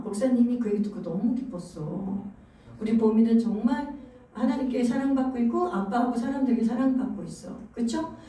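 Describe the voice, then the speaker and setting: High-voiced woman pastor preaching in an echoey hall. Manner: animated, acts out spouses' lines in quoted voices. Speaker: senior pastor. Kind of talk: sermon. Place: church sanctuary. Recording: echoey church hall, far from mic.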